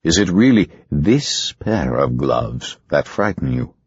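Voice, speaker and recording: A male narrator voices a calm, commanding hypnotist from a storybook, issuing slow, soothing, insistent commands. His deep voice is husky and exaggerated. The recording sounds dry and muffled with no echo.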